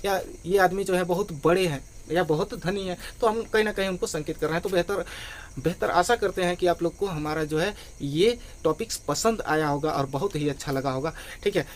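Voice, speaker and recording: A man's voice: fairly high pitch, slight background noise. A man teaching an online grammar lesson, who explains step by step and repeats phrases often.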